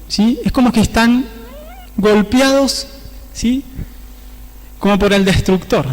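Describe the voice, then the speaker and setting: High-voiced preacher in a reverberant church. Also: male voice. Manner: conversational preaching, often tagging phrases with a questioning "¿sí?". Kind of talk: sermon.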